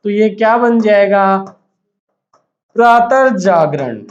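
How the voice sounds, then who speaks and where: A man's voice: sits high, animated, slow pace. A man teaching a grammar lesson to a class, asking questions and answering them himself and repeating the key words. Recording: dull, echoey room recording.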